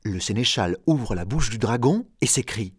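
Male narrator, graded reader audiobook, steady clear delivery, dry close mic. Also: mid-range voice, normal speed, no echo. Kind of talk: scripted audiobook narration for learners.

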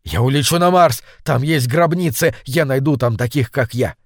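A man reading aloud, voicing a furious undead man full of hatred who shouts his lines. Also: medium pitch, normal speed, no echo, studio quality, lightly acted. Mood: raging. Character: hate-driven undead man, raging.

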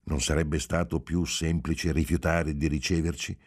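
A man reading aloud plays a reserved young husband who speaks in a measured, reasonable tone. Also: very deep voice, fairly even intonation, a little mellow, breathy edge. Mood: guarded. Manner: reasonable, restrained tone.

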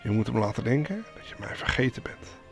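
A man's voice: mid-range voice, sing-song, fairly quick, vocal fry, loud music behind the voice. A man doing an earnest young fairy-tale hero. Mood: instructing. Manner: earnest, instructing. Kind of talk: storytelling with put-on voices.

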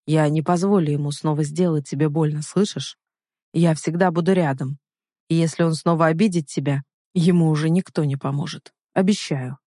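Man doing a quiet, stern big brother; low and hard, dry close sound. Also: steady tone, moderate pace, dry recording, lightly acted.

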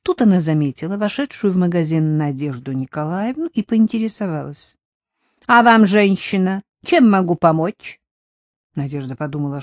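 Woman narrator, lowish pitch, measured storytelling, dry close studio sound. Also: mellow, no room sound. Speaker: audiobook narrator. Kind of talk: scripted audiobook narration.

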